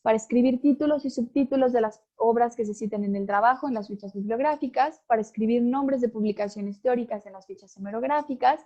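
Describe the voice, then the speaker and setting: A woman's voice: a little high, brisk, few pauses, mellow, muffled recording. A woman teaching a class, explaining step by step and often checking in with her students. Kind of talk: online class lecture.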